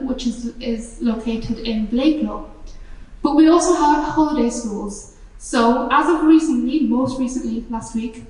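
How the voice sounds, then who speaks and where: A high-pitched woman with a Northeast English accent hosts a live community event, friendly and a little halting, her voice going hoarse. She is heard from a distance in an echoey hall with a long reverb tail. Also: darkish tone. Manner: friendly, slightly halting with restarts. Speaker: charity event host.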